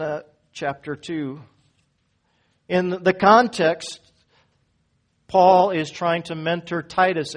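A man preaching a sermon as pastor in a church, swinging from loud emphatic peaks down to low quiet phrases. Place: church sanctuary.

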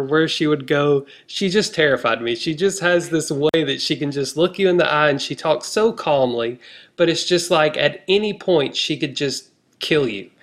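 Higher-voiced man, laughing podcast chat. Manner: laughing, animated storytelling. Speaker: podcast co-host. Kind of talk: casual chat.

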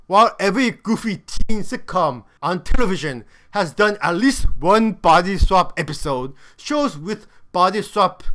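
A man's voice: sits high, fairly bright tone. A man giving a scripted review of a television drama, with dry, sarcastic humor.

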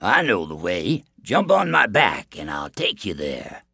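A man doing a calm, low-voiced wolf. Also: unhurried, creaky, breathy edge, dry recording, clean studio sound, heavily acted. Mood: steady. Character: wise, steady helper wolf, male.

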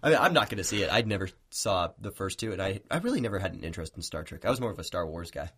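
A young man chatting casually about movies, hesitant, with many pauses and restarts. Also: sits low, very animated, fairly bright tone, breathy edge. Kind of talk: casual chat.

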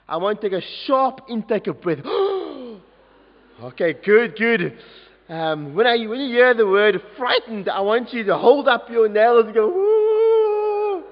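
In a large church, a youth leader tells an interactive children's story during a service, cheerfully coaxing everyone to join in. He speaks slowly in a high, animated voice. The lo-fi recording sounds dull and carries a long hall reverb.

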